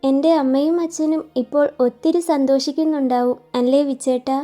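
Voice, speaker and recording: A woman narrator voicing a tender young woman in love, soft and pleading. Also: sits high, steady tone, brisk, soft background music, natural voice. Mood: tearful pleading.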